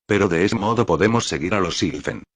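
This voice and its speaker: A man's voice: sits low, a little fast, slightly rough, no echo. A man voicing an eager young schemer. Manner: eager, persuasive. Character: young man, eager, restless, full of plans.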